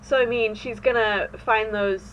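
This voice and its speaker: A woman's voice: a little high, fairly even intonation, moderate pace, a crowd in the background. A woman co-hosting a casual fan podcast, chatty and playfully joking. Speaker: podcast co-host. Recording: dull lo-fi sound with faint noise.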